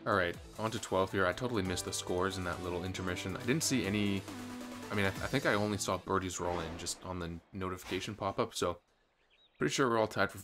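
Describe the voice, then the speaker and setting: A man's voice: low-pitched, fast talker. A man giving chatty, upbeat play-by-play commentary on his own game, with some gamer slang. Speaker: gaming channel host. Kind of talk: casual gameplay commentary. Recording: game music behind voice. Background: game music.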